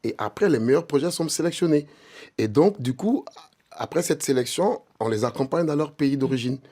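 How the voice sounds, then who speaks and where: A man's voice: fairly high pitch, expressive, normal speed, warm tone. A man who founded an entrepreneurship program, speaking eagerly as a radio guest and leaning on fillers. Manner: enthusiastic, filler-heavy, repeats "voilà". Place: radio studio.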